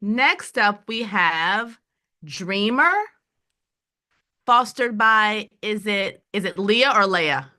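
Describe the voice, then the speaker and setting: A woman's voice: medium pitch, drawn-out words, long pauses, sharp tone. A woman hosting a virtual dog adoption event, asking fosters questions in a friendly, upbeat way over a video call. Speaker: event host.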